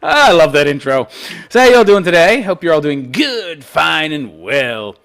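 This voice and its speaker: A man's voice: on the high side, very animated, measured pace, fairly bright tone. A man hosting an opinion commentary show, reading out news and mocking it in a brash, coarse-mouthed, exaggerated way. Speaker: host of a commentary channel.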